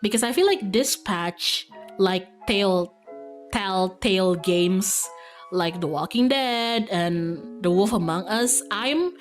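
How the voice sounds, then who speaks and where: A woman streamer with a medium-pitched voice chats slowly and casually with her viewers, playful and giggly as she rambles. Background music plays behind her throughout.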